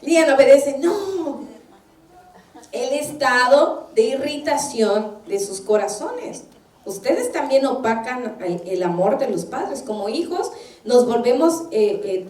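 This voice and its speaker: A woman's voice: fairly high pitch, a little mellow. A woman minister giving a sermon, telling personal stories and acting out what people said. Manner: anecdotal, acts out quoted voices. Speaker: minister preaching. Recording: echoey room, distant mic.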